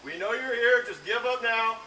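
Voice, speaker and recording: A police K9 officer giving firm, repeated warnings through a megaphone, outdoors in a residential neighborhood at night. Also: male voice, very high-pitched, expressive, moderate pace. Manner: firm, repeated shouted commands. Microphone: police body camera. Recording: echoey, distant, noisy bodycam audio.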